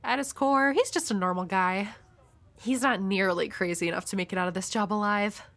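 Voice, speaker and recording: A woman's voice: mid-range voice, brisk, fairly bright tone, close to an everyday voice. Himeno, a woman playing a flirty, world-weary devil hunter. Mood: wistful, resigned. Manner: teasing, coy, breathy at times. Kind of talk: intimate audio roleplay addressed to the listener.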